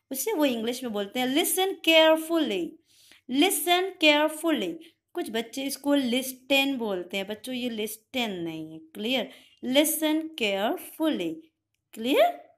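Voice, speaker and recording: Woman, children's English teacher, a bit high-pitched, slow patient drilling and repetition. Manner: slow, drilled repetition of English phrases with frequent "clear?" checks. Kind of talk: spoken English lesson for children.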